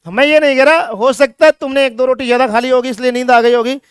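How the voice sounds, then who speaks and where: This is a man lecturing a chemistry class with plenty of drive. His voice sits very high and rings smooth and resonant. He keeps teasing the students with rhetorical questions, and the recording is close and dry. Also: fast, dry recording. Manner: energetic, scolding students playfully with rhetorical questions. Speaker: chemistry teacher.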